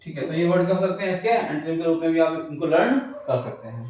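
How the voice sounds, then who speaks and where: A man's voice: fairly high pitch, animated, fast, darkish tone, a little hiss or hum. A male English teacher lecturing a class, who keeps asking his students questions and answering them himself. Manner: repeats checks like "clear hai". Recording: echoey classroom, far from the mic.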